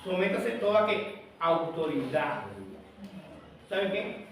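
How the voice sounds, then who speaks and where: A man's voice: sits high, expressive, slow pace, a bit bright. A male pastor preaching a sermon, emphatic and full of rhetorical questions put to the congregation. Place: church. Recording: echoey church hall from far off, faint noise.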